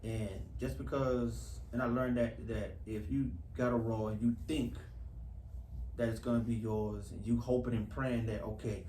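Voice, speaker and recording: With a warm mid-range voice and a flat delivery at normal speed, a Houston actor talks through an interview casually and earnestly. He keeps repeating phrases for emphasis. The setting is an echoey room with faint background noise.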